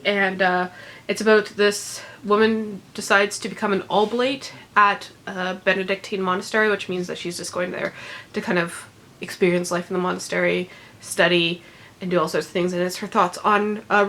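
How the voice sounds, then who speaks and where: Here a book vlogger, her voice mid-range and a bit bright, talks at a normal speed with a flat delivery. Still congested after being ill, she rambles casually about books she's read, peppering the unedited chat with ums and little laughs.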